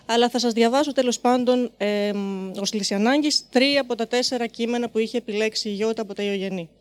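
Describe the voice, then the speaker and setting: A woman reading poems and short prose aloud at a live literary event, with brief spoken introductions between pieces and a measured, rhythmic recitation. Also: on the high side.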